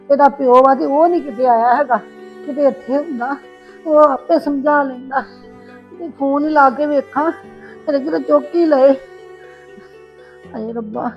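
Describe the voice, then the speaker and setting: A high-voiced Punjabi aunty in a family drama, played by a woman, middle-aged and full of grievance. She laments and grumbles plaintively as a put-upon mother-in-law. The sound is dull and lo-fi with music behind. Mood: despairing lament. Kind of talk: amateur family drama acting.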